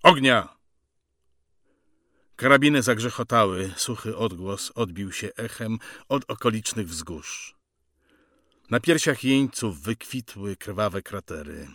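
A man narrates a story in a grave, measured way. His voice sits low and his pace is very slow. The sound is dry and close to the mic. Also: animated, a bit bright, dry recording. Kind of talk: scripted audiobook narration.

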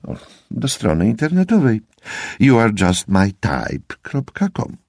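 A man's voice: fairly low pitch, very animated, unhurried, vocal fry, darkish tone, no room sound, clean studio sound, voice pushed up, heavily acted. A man voicing a teasing young woman detective. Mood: breezy. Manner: teasing, breezy.

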